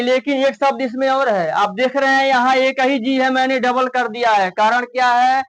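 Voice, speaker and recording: A man teaching a grammar lesson with a Hindi accent, explaining step by step and slowing down to spell out example words. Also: extremely high pitch, poor audio.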